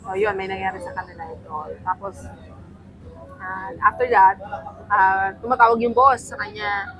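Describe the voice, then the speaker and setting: A woman casually recapping a manga, animated and acting out the quotes, laughing often. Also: medium pitch, normal speed, poor audio. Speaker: manga reviewer. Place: public place with people around.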